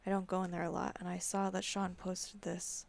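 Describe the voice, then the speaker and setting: A woman's voice: fairly low pitch, level tone, moderate pace, creaky, a little mellow, dry recording. A woman co-hosting a podcast in casual chat, rambling through her stories with frequent giggles. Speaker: podcast co-host.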